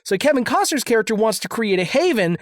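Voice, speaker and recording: A podcast co-host chatting casually, often interrupting to question and steer the pitch. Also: big pitch swings, fast. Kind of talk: casual comedic chat.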